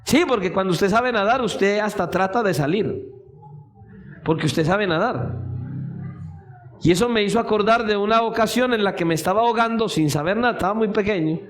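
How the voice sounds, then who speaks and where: A male preacher with a high-pitched voice delivers a sermon in a church. He speaks with fervor, and his voice climbs into shouted appeals. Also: normal speed, slight background noise. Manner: impassioned, rising to shouted pleas.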